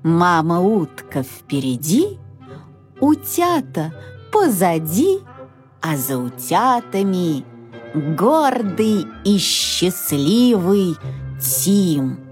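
A woman narrating a children's fairy tale in an expressive, animated, sing-song way. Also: lowish voice, very slow, soft background music. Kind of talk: children's storybook reading.

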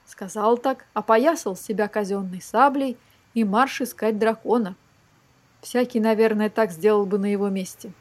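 A woman reading a fairy tale aloud for children, lively and expressive, speaking straight to the young listeners. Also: mid-range voice, normal speed. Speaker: storyteller.

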